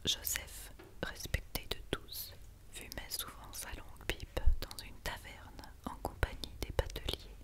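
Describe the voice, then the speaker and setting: A woman gives an ASMR storybook reading entirely in a whisper. Her delivery is breathy and unvoiced, with no full tone. It stays hushed and quiet, suited to night-time listening. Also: a little slow. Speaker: ASMR reader.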